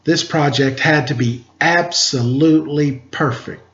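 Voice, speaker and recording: A man reads a children's picture book aloud at storytime, tossing casual asides to his listeners in a slightly high, unhurried, somewhat bright voice. He's a storytime reader and teacher. The home recording sounds roomy, dull, and faintly noisy.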